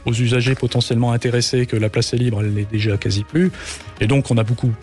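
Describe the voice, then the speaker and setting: Man radio guest, fast talker, assured, faint music behind. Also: medium pitch, level tone, darkish tone. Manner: brisk, assured explaining. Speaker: guest, company president. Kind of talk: radio interview, explaining.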